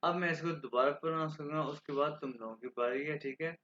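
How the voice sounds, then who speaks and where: A man from Pakistan teaching an online German lesson, drilling each word and letter slowly so learners can repeat after him. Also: a little high, a bit bright, a little hiss or hum. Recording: dull lo-fi recording.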